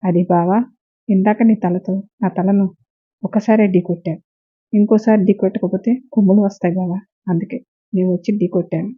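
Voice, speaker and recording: A woman's voice: medium pitch, steady tone, a little fast, husky, lightly acted. Naive village bride, simple and earnest, a lady voicing her, tinny phone sound.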